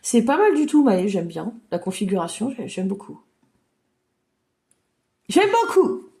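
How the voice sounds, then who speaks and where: A woman leading an online drawing workshop for children, guiding them with lively, encouraging make-believe storytelling over a video call. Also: mid-range voice, a little fast, creaky. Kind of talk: playful storytelling drawing lesson for kids.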